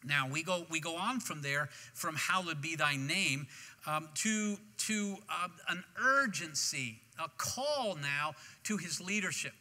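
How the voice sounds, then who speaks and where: A man preaching a sermon as pastor, talking in an animated way that often restarts its phrases, recorded in a church sanctuary through a stage microphone. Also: fairly high pitch, unhurried, hardly any pauses. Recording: long reverb of a church hall.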